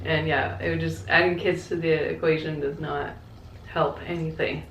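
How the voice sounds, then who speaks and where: A woman with a slightly low voice talks casually, as in a question-and-answer vlog. She is candid and reflective, keeping things conversational. The room around her is clearly echoey. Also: level tone, moderate pace, slight background noise. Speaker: vlogger answering viewer questions. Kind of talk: casual chatty Q&A to camera. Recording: echoey, roomy sound.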